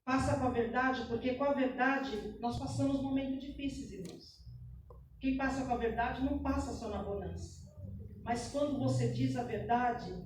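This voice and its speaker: A woman's voice: on the high side, normal speed, noisy background. A middle-aged woman giving an earnest, exhorting church talk to married couples. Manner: earnest and exhorting, addresses listeners as brothers. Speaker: speaker at a couples' meeting. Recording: echoey hall, voice from far off.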